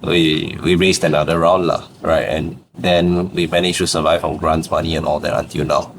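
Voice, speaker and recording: The voice is extremely low, level in tone and moderately paced, with a slight hiss or hum. It belongs to a young Singaporean startup founder chatting as a podcast guest, sharing casual interview stories in Singaporean English while laughing frequently and adding "lah" to his phrases.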